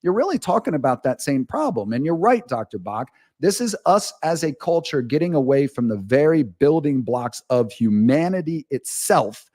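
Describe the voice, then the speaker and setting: Sing-song and fairly high-pitched with a darkish tone, this man talks at a moderate pace, barely pausing. As an author and podcast guest in casual conversation, he tells long, rambling stories full of frank asides.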